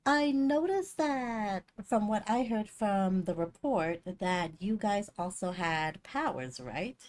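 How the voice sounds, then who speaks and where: A woman's voice: medium pitch, expressive, slow pace, darkish tone. A woman running a tabletop role-play as game master, narrating in a casual, encouraging way.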